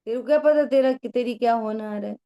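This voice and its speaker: A woman teaching a religious study class, explaining slowly and often asking the listeners questions. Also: fairly high pitch, dull audio.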